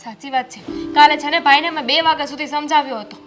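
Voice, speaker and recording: A high-voiced young sister-in-law with a Gujarati accent, gently teasing and coaxing, as an actress plays her. She speaks in a soft, placating way. Clear film music plays beneath her. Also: steady tone, fast. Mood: soothing. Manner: coaxing and soothing. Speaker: husband's sister in a family drama. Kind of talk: Gujarati family drama acting.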